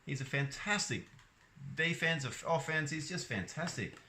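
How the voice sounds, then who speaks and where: A man's voice: fairly high pitch, lively intonation, normal speed, bright, forceful tone. A young Australian man talking casually about rugby league in his own vlog, rambling and hesitant with lots of ums and restarts. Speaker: sports vlogger.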